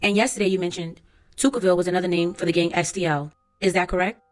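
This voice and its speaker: A woman's voice: lowish voice, steady tone, fast, close to an everyday voice. A woman reading aloud a court transcript as the lines of a lawyer, who asks formal, methodical questions, with faint music behind her.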